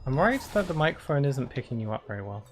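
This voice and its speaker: A man's voice: medium pitch, very animated, very fast, over music. A man casually chatting on a live stream as he plays a game, reacting aloud to what happens on screen. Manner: reacts aloud to gameplay with exclamations.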